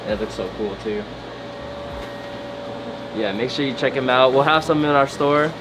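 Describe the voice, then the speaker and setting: A man's voice: medium pitch, normal speed, background noise. A young man hosting a casual vlog, joking and laughing as he shows things around a warehouse. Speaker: vlog host. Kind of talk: casual tour chat. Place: indoor warehouse.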